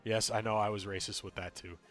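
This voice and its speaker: A man streaming a video game, chatting casually with viewers; he talks fast, mumbles and rambles with lots of ums and uhs. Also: fairly low pitch, flat delivery, a bit bright, faint music behind. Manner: tends to mumble and talk fast.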